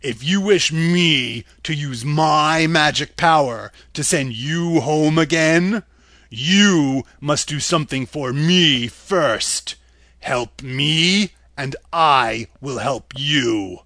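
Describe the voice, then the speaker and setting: A man playing Oz as a stern booming head. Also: dry recording, clean studio sound, exaggerated voice. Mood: commanding. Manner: slow, loud, commanding.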